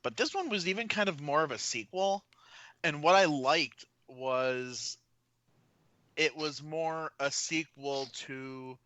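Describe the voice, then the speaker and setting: A man's voice: a little high, slow, bright, forceful tone, dry recording. A man guesting on a casual podcast, talking in a laid-back, friendly way. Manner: laid-back, friendly, says dude a lot.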